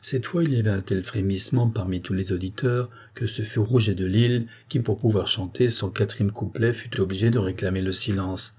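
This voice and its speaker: A French man narrates a classic novel as an audiobook in a low, dark, husky voice. He lifts his pitch and pushes harder whenever he declaims the verses, then settles back into steady storytelling. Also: fairly quick, few pauses. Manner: rises in pitch and force when declaiming sung verses.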